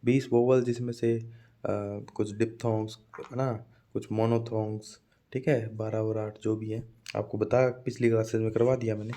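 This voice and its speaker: A man's voice: lowish voice, flat delivery, moderate pace, dark tone. A man teaching an exam-preparation phonetics lecture in a casual classroom manner, often checking in with his students as he explains.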